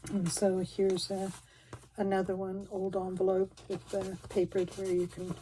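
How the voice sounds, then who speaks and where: A woman's voice: medium pitch, warm tone, slight background noise. A middle-aged woman, chatting casually and a bit self-deprecatingly as she flips through a craft journal. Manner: folksy, self-deprecating, rambling. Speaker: craft vlogger.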